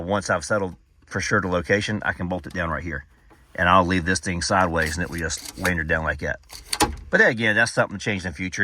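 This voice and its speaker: Low-voiced man, casual and folksy. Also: sharp tone. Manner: informal, rambling, folksy. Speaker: product reviewer and off-road hobbyist. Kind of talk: casual vlog review.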